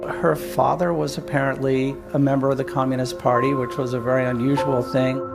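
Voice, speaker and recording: A man speaks in a gravelly, monotone voice, recounting facts matter-of-factly. Loud music plays under his words. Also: medium pitch, brisk. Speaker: documentary interviewee.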